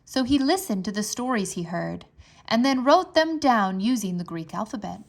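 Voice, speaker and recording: A woman reads a children's history book aloud in an expressive storybook manner, pronouncing words clearly and leaning on the dramatic ones. Her voice is mid-range and her speed normal.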